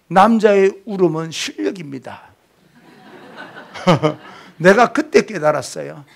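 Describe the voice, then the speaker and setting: A middle-aged man pastor preaching a revival sermon, swinging between shouting and hushed storytelling in a church sanctuary. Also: sits high, gravelly.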